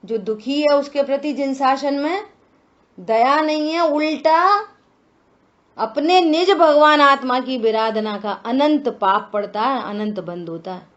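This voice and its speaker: Slow-spoken woman teaching scripture. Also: high-pitched, fairly bright tone, highs cut off. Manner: slow and deliberate, many rhetorical questions. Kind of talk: religious discourse.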